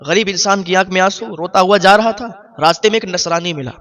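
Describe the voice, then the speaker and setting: A man's voice: high-pitched, fairly bright tone. A man preaching a sermon, narrating a moral story with emphatic asides to listeners.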